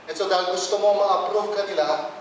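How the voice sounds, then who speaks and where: High-voiced Filipino pastor in echoing church. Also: male voice, fairly even intonation, fairly quick, a little hiss or hum. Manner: switches between English and Filipino, acts out quoted voices. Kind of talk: sermon. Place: church hall. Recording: very echoey hall, mic far off.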